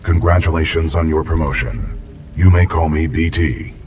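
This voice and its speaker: An actor playing a calm, formal male war robot in a video game, low on power and restarting his systems, reporting in a measured, precise way. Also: recorded from a distance, a little hiss or hum.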